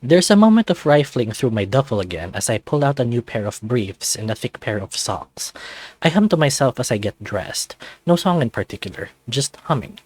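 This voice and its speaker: In a dry recording, a man who runs a channel voices a visual novel in the first person, his mid-range voice moving at a moderate pace. The delivery is expressive and full of animation.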